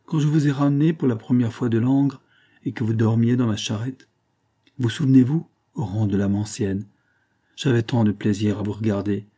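Man doing big kind peasant charcoal-burner, plain-spoken, sighing, mellow and husky voice. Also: mid-range voice, close to an everyday voice. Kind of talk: audiobook reading.

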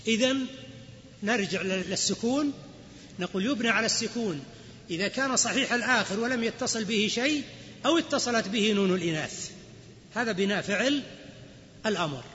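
A man's voice: sits high, animated, fairly quick, long pauses, fairly bright tone, slight background noise. A man teaching grammar as a classroom lecture, explaining rules and then quizzing his students. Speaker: Islamic scholar teaching grammar. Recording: lo-fi recording with long hall reverb.

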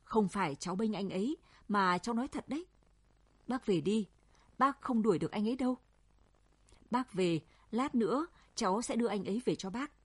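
A woman reading a storybook voices a gentle young village man coaxing a frightened friend home, with a husky voice. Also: medium pitch, animated, brisk, dry recording. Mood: pleading. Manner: soft pleading reasoning.

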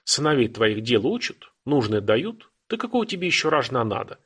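Man voicing a gruff old Cossack granny. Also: medium pitch, very animated, fairly quick, fairly bright tone. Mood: scornful. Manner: scolding, snorting. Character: gruff old Cossack grandmother, sharp-tongued, bossy.

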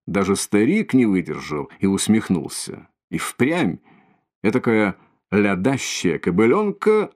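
A man reading a classic novel aloud as an audiobook, in a measured, dramatic storytelling manner. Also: medium pitch, darkish tone. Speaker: audiobook reader.

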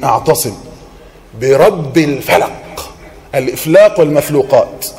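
A man with an Egyptian accent preaching an Islamic sermon, asking rhetorical questions, answering them himself and reciting verses in a measured tone. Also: sits high. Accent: Egyptian Arabic. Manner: quotes Quranic verses in a measured chanting tone; swings between loud emphasis and soft murmured reassurance.

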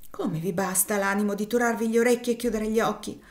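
A woman voicing an indignant, strict middle-aged spinster in a read-aloud novel, speaking loudly and with high outrage. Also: fairly even intonation, quick pace, lightly acted.

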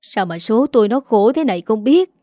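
A woman's voice: a little high, lively intonation, normal speed, mellow, no room sound, clean studio sound, close to an everyday voice. A woman voicing an aging village mother who is tearful and bitterly complaining.

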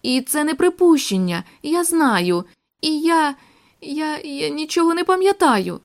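A woman's voice: high-pitched, animated, a little slow, pitched above the performer's own voice. Haunted young man, read by a woman. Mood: anguished. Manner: anguished, faltering. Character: shaken young man, former captive.

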